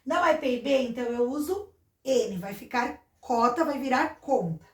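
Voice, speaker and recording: Brazilian teacher lady, high voice, patient step by step explaining, roomy echo. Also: expressive, moderate pace. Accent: Brazilian Portuguese. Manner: patient, explains step by step, addresses pupils as a little class. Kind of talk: recorded schoolbook lesson.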